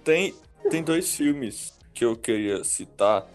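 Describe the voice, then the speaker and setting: A man chatting about movies, animated and quick to react dramatically. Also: medium pitch, faint music behind. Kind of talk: casual movie chat.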